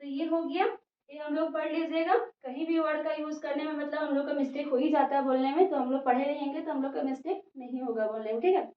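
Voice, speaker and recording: High-voiced woman teacher in an echoey room. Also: steady tone, quick pace. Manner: spells words out letter by letter, repeats "theek hai" often. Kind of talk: English spelling and pronunciation lesson. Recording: muffled, echoey room, voice from a distance.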